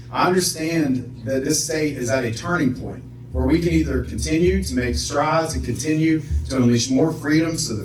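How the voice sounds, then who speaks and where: A man's voice: medium pitch, slight background noise. A man from Southern West Virginia giving an earnest campaign speech as a judicial candidate, with occasional fillers. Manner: earnest, steady public speaking with occasional fillers. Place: visitors center meeting room. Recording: echoey room, far from the mic.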